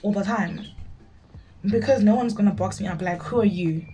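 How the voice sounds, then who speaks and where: Her voice is medium-pitched with a dark tone, at normal speed, over slight background noise and poor audio quality. She's a nineteen-year-old beauty vlogger casually answering viewer questions as she does her makeup, bluntly and emphatically repeating herself for emphasis.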